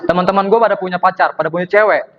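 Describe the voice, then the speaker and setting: A man's voice: high voice, steady tone, racing, lo-fi sound, slight background noise. A young male student performing stand-up comedy, acting out the people in his stories with changed voices. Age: young adult. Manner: acts out dialogue, switching voices for characters. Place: performance room at a university.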